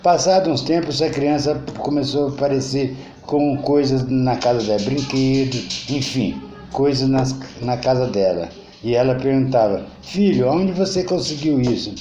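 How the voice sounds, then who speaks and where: Man telling a moral story, dark voice. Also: medium pitch, normal speed, few pauses, soft background music. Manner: plain, repetitive storytelling with restarts. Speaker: political commentator. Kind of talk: storytelling commentary. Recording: dull roomy recording with faint noise.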